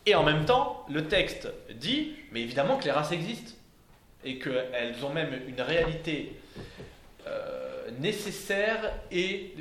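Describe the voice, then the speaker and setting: A man's voice: on the high side, wildly swooping pitch, takes it slowly, fairly bright tone, a little hiss or hum. A man giving an informal lecture to a live audience indoors, hesitant, with many fillers and restarts. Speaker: speaker giving a talk. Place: indoor room with listeners. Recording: echoey room, faint ambience.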